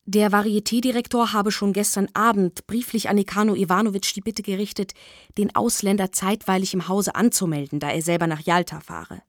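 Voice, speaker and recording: A woman reading a novel aloud in measured, expressive scripted narration. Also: mid-range voice, dry recording, clean studio sound. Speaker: audiobook reader.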